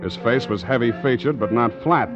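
Background music plays beneath a muffled 1940s radio recording where a man narrates broodingly as a tough, tight-lipped skipper. He has a medium pitch, a moderate pace and a near-everyday voice, and his delivery is wry and hard-boiled.

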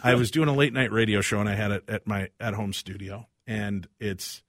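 A man's voice: fairly low pitch, normal speed, no room sound, studio quality. A man from Illinois hosting a radio talk show, telling stories casually and acting out the voices in them. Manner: animated, acts out the voices in his stories. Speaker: radio host. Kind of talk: casual storytelling chat. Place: radio studio.

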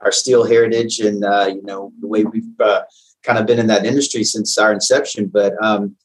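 Man, husky, lowish voice, halting, interview guest. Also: little pitch movement, rough recording. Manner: halting, heavy fillers. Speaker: guest, games organizer. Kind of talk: conversational interview answers.

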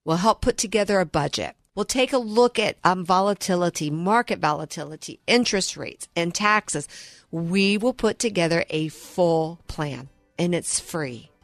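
A woman's voice: lowish voice, moderate pace, no echo, soft background music. A woman financial advisor hosting a radio talk show, telling stories in an earnest, chatty way. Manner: earnest, storytelling, repeats words on restarts.

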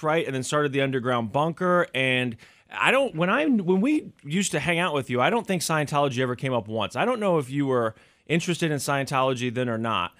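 A man's voice: mid-range voice, fairly bright tone. A man hosting a podcast, chatting casually with his co-host and guest.

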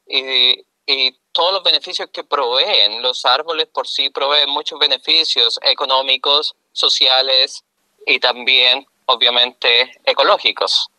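Chilean man explaining in a bright voice. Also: mid-range voice, steady tone, measured pace, no echo, low-quality recording. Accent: Chilean Spanish. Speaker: guest. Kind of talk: interview answers.

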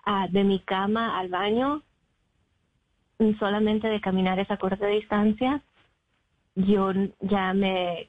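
A young adult woman from Mexico, a guest telling her own story in an interview. She talks haltingly, with many fillers and English words mixed in. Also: mid-range voice. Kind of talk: personal account in an interview. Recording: phone line.

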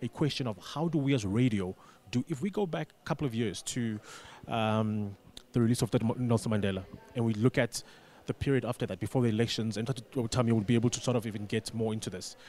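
Speaking as a guest in a radio studio, a man gives explanatory answers in a voice of ordinary male pitch and a darkish tone. He takes a deliberate pace, frequently repeating words or phrases as he shapes what comes next.

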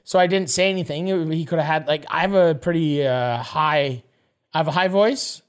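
A young man with a slightly high voice talks at a normal speed, his tone clean. As a podcast co-host, he spins a long, rambling story in casual chat, animated and swearing, repeating words, restarting, and jumping into quoted voices.

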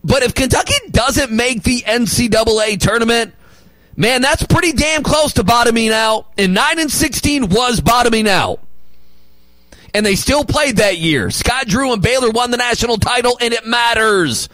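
A male sports radio host arguing basketball opinions and rattling off stats, with emphatic loud bursts. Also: very high voice, moderate pace, no room sound, poor audio.

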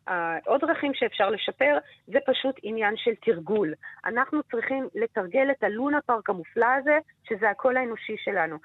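A woman who teaches voice and researches vocal cognition, speaking in an energetic, emphatic, teacherly way as a guest in a radio interview by phone. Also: a little high, husky, no room sound. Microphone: telephone. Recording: dry, tinny phone line.

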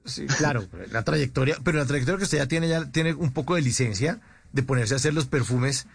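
A man's voice: mid-range voice, brisk, vocal fry, breathy edge. A man hosting a casual comedy interview, chatty and prompting questions. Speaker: radio podcast host.

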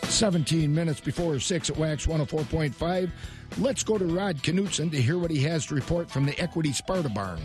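A man's voice: on the high side, lively intonation, brisk, over music. A man hosting a morning farm radio show with chat and live links.

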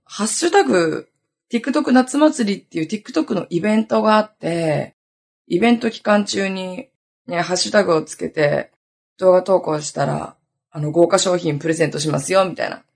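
A woman around thirty hosting her own podcast, hoarse today and chatting in a lively, rambling way with many asides. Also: lowish voice, normal speed. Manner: chatty, animated storytelling with lots of asides. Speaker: podcast host. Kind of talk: casual solo podcast chat.

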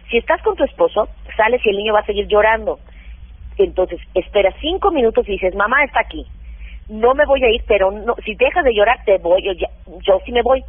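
A woman with a medium-pitched voice, a parenting expert, offers practical advice in a radio interview, explaining things step by step with examples. The audio is dry and narrow-band, like a phone line.

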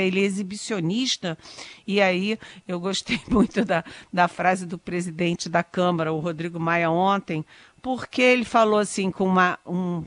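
A woman's voice: medium pitch, dry recording. A woman giving ironic, emphatic political commentary on a radio talk show, often repeating herself with fillers.

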